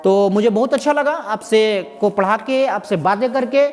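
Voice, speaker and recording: A man teaching grammar, who asks his students rhetorical questions and answers them himself, and repeats and spells out words slowly. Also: sits high, faint music behind. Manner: slow, repetitive explaining with spelled-out words. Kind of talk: explaining lesson to students. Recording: echoey room with faint background noise.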